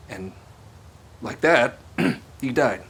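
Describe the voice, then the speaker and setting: A sincere, flustered field reporter, played by a man, gives a live report in a comedy sketch. The medium-pitched delivery is halting and conversational. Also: expressive, gravelly, fairly bright tone, husky, full character voice. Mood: shaken. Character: flustered, sincere male on-the-scene news reporter.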